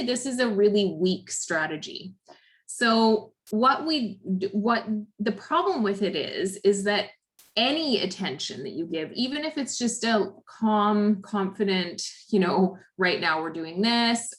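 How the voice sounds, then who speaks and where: Friendly Canadian woman explaining to parents. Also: medium pitch. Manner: friendly, explanatory, with frequent "um" and "right?". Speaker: therapy director presenting a parent workshop. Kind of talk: recorded lecture over slides.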